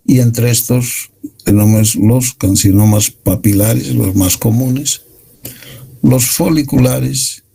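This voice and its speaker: A man giving a university medical lecture, explaining slides in a measured way. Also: mid-range voice, vocal fry, mellow, slightly rough, poor audio.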